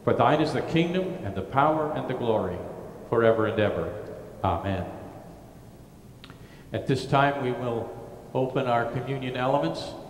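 A man's voice: medium pitch, animated, a little hiss or hum. Man leading prayers in cathedral echo. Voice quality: solemn, measured liturgical delivery. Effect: cathedral-like echo with a long church-hall reverb. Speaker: pastor leading worship. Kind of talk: liturgical prayer and communion service. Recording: echoey, reverberant large church hall.

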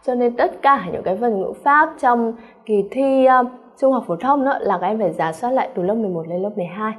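A woman teaching an English exam-prep lesson with a Vietnamese accent, animated and checking in with her students often, referring to herself by name. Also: on the high side, a little fast, breathy edge. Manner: calls herself by name in third person.

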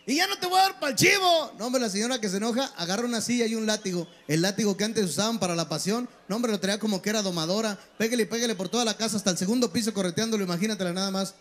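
A man's voice: high-pitched, racing, few pauses. A middle-aged man with a Mexican accent telling crude, rambling jokes on stage at a local pageant. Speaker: comedian. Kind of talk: stand-up joke telling.

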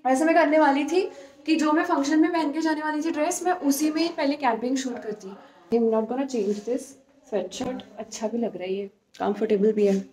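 A woman's voice: sits high, normal speed, darkish tone. A young woman chatting casually to camera in a vlog, mixing in English phrases. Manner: chatty, mixes English phrases into her talk. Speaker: vlogger.

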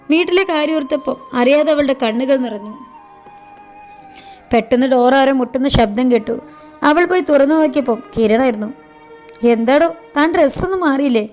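A woman storyteller reading a love story aloud in a calm, steady narrating voice. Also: sits high.

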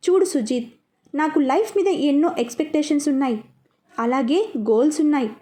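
A composed, principled young woman who speaks calmly and plainly, never rattled, as a woman narrator does her. High voice, storybook reading. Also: lightly acted. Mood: firm. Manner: calm, measured, matter-of-fact.

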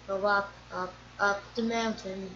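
A woman's voice: medium pitch, fairly even intonation, measured pace, bright, forceful tone. A woman casually commenting to herself while playing a survival game, muttering as she goes. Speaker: gameplay streamer. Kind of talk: casual let's-play commentary. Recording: dull lo-fi recording with faint noise.

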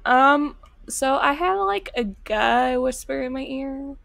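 Young female streamer, casual horror game chat, giggly and reactive, high voice with some creak. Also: animated, takes it slowly, a bit bright, no room sound. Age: young adult. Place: small indoor room at home, streaming setup. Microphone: microphone on a boom arm, close.

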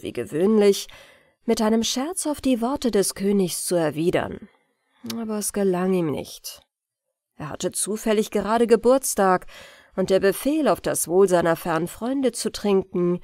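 A woman reading a spooky tale aloud as a calm, measured bedtime audiobook narrator. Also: mid-range voice, no room sound, clean studio sound. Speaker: audiobook reader.

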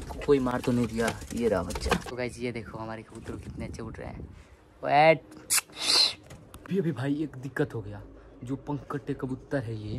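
Brief: male pet vlogger, mid pitch, chatty to viewers, recorded outdoors with loud noise and pigeons cooing. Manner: chatty, keeps telling viewers "guys", then scolds angrily. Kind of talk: casual vlog.

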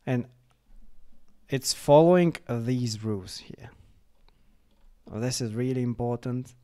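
A man casually walking through a software demo, chatty and full of fillers like "like" and "uh". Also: medium pitch, a little slow, clear, resonant tone. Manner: chatty, lots of fillers, reads chatbot replies aloud. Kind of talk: casual screen-recorded product walkthrough.

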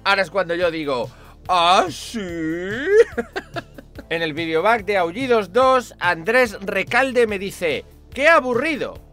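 A man's voice: sits high, very animated, takes it slowly, a bit bright, soft background music. A man hosting a casual vlog, answering viewer comments with sarcasm. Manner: sarcastic, mocking voices of commenters. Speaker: video host answering comments.

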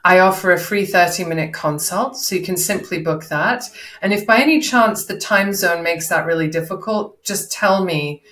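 A woman who works as a voice and performance coach, talking as a guest in an interview in a measured, explanatory way. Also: lowish voice, a bit bright. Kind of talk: casual interview.

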